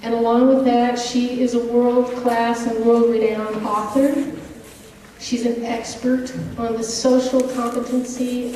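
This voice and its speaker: A woman host with a mellow, slightly higher voice gives an admiring introduction of the evening's speaker. She sounds distant, with heavy hall reverb around her. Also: a little hiss or hum. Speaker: event host. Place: large hall. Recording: echoey hall from far off.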